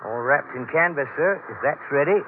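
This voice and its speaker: A cynical, grumbling ship's mate. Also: male voice, fairly high pitch, animated, moderate pace. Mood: dutiful. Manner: gruff, complaining. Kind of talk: 1940s radio acting. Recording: tinny old radio broadcast, noisy.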